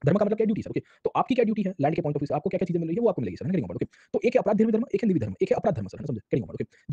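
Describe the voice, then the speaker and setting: A man with an Indian accent delivers a history lecture at a very fast clip, always checking whether the class has understood. His voice is husky and deeply mellow. The recording is dry and dull, like muffled lo-fi audio. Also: dry recording. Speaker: history teacher. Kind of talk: lecture in mixed Hindi and English.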